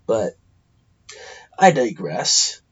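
A man's voice: mid-range voice, big pitch swings, extremely slow, slightly rough, dull audio. An American man with a congested, stuffy nose, hosting a podcast alone in a casual, blunt, sweary ramble. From California, United States. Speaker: podcast host.

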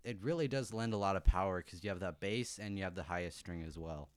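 A man's voice: low-pitched, quick pace, clear, resonant tone, no room sound. A man co-hosting a casual podcast chat, musing and often restarting as he explains chords. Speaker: podcast co-host.

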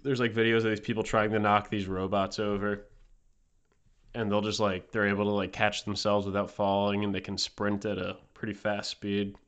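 A man's voice: on the low side, completely flat delivery, normal speed, dull audio. A man with a New Jersey accent hosting a comedy podcast, talking hesitantly with lots of fillers. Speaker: podcast host.

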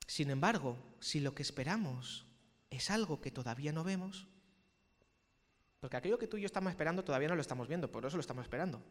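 A man from Spain preaching a sermon as pastor, animated and playful, with shouted peaks. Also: fairly high pitch, quick pace, big-room sound. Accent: Spanish from Spain.

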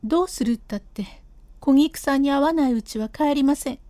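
Woman reader as a headstrong wife, high, insistent and pleading, mellow tone, dry close read. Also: fairly quick, no room sound, close to an everyday voice. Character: stubborn, proud wife of a painter. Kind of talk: storybook reading of classic comic storytelling.

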